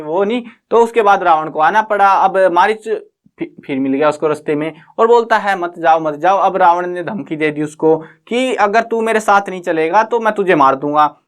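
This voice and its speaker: A man's voice: on the high side, clear, resonant tone. A man teaching a class lesson, retelling the story in a chatty way with casual asides.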